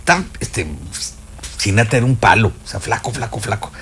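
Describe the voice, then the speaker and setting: A man's voice: lowish voice, expressive, normal speed, fairly bright tone, a little hiss or hum. An older man with a Mexican accent, chatting as a music expert on a radio show, telling stories with many fillers and restarts. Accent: Mexican Spanish. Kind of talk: casual radio chat. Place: radio studio.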